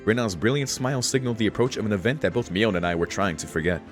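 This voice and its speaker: Reading a visual novel out loud on stream, a man with a fairly low, animated voice races along while adding laid-back, casual commentary. The game's music can be faintly heard in the background.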